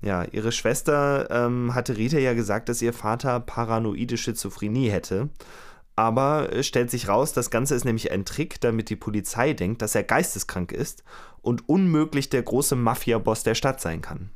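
A man telling a true crime story to a co-host in a relaxed, conversational way, acting out quoted lines now and then. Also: medium pitch, moderate pace. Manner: lively retelling with acted quotes. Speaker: podcast storyteller.

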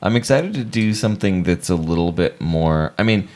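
A man with a very low voice chatting in a loose, rambling way, hedging and restarting his sentences as he thinks aloud. He sounds relaxed and conversational as a podcast co-host. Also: normal speed. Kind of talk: casual chat.

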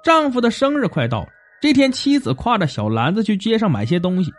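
A man narrating a folk tale in an animated, expressive way. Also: sits high, a little fast. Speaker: storyteller.

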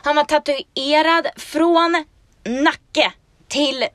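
A woman hosting a podcast, telling a story in casual chat, animated and laughing. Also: high voice, no room sound. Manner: animated, laughing, acts out dialogue. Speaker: podcast host.

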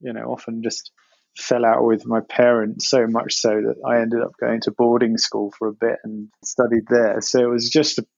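A middle-aged man with an Essex accent talks through his memories in an informal interview. His pitch is average and he halts now and then to think aloud. The sound is very dry and a little muffled. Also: level tone, moderate pace, creaky, a little mellow, no echo. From Essex, England. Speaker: interview guest, game industry producer. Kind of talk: casual personal recollection.

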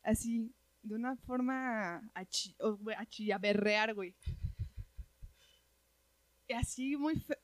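A woman with a Mexican accent telling a personal story in casual chat, animated and slangy, peppering her talk with "güey". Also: fairly high pitch, takes it slowly, long pauses, no room sound.

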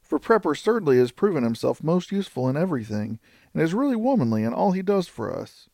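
Male reader voicing a courteous young lady, lifted gravelly voice, dry close sound. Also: a little high, very animated, quick pace, a little mellow, dry recording, voice pushed up, full character voice. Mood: earnest. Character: young woman, gentle and polite.

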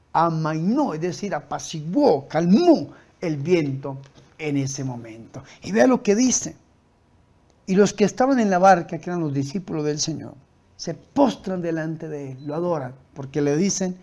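A male preacher with a high-pitched voice delivers his sermon with fervent emphasis. He repeats key phrases, pushing them louder, and acts out the voices in the stories he tells. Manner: emphatic, rising to loud repetitions.

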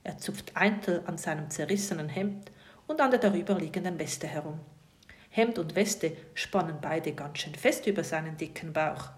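A woman narrating a bedtime story softly, often in a whisper, and addressing the listener directly. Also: deep voice, moderate pace.

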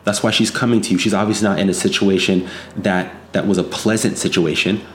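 Deep-voiced man, insistent warning monologue. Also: little pitch movement, brisk. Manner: earnest, insistent, moralizing, repeats phrases for emphasis. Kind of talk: unscripted opinion monologue. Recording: echoey room, faint background noise.

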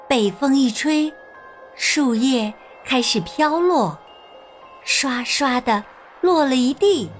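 Slow expressive woman reading a storybook. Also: fairly high pitch. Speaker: children's storyteller.

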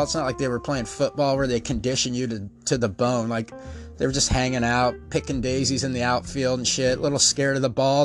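A middle-aged man hosting a podcast, telling profane, animated stories and laughing often. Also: mid-range voice. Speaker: podcast host. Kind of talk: casual storytelling.

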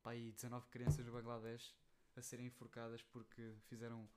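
Fast-talking young Portuguese guy, deadpan. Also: mid-range voice, very noisy. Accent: European Portuguese. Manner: deadpan, absurd jokes. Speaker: podcast co-host. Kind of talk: casual chat.

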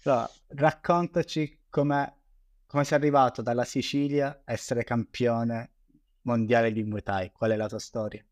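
Male interviewer with mid-pitched, dry-recorded voice. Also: fairly even intonation, normal speed, dry recording. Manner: informal, encouraging interjections. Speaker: interviewer, host. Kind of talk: casual interview chat.

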